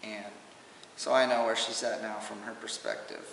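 A man's voice: on the low side, fairly even intonation, creaky, a bit bright. Hesitant man on old camcorder audio. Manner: hesitant, halting, emotional. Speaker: father giving a personal testimony. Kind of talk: personal testimony to camera. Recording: roomy, distant, hissy home camcorder sound.

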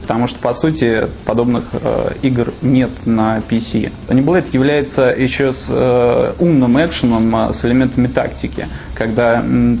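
A young man answering in an interview as a PR manager, in hesitant, measured phrases. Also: medium pitch, gravelly, darkish tone, slight background noise. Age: young adult. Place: dark studio.

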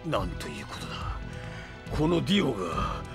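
A man voicing an arrogant, sadistic male vampire villain in an audio drama, with theatrical, menacing, drawn-out delivery. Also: fairly low pitch, huge pitch swings, creaky, over music, full character voice. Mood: enraged, shocked. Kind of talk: Japanese anime-style audio drama acting.

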